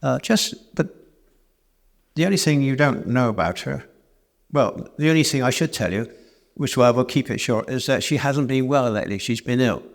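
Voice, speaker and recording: Brief: man recounting a courteous French diplomat, slightly raised, earnest and halting. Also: mid-range voice, gravelly, long reverb tail, close to an everyday voice.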